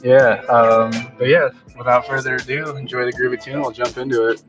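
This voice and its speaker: A man's voice: medium pitch, level tone, fairly quick, distant mic. A man hosting a casual podcast, laid-back and joking, with lots of fillers. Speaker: podcast host. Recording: off-mic voice with clear music behind.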